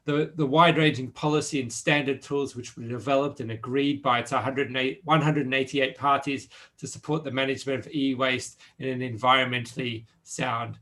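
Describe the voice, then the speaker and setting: A man moderating a conference panel, setting out questions in a brisk, structured way. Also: mid-range voice, fairly even intonation, sharp tone.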